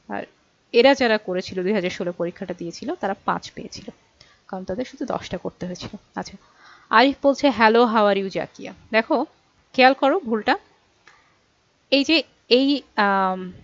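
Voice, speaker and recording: A woman with a Bangladeshi accent teaching an exam-prep English lesson, explaining patiently, reading English examples slowly and checking in with her students. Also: a little high, no echo, lo-fi sound.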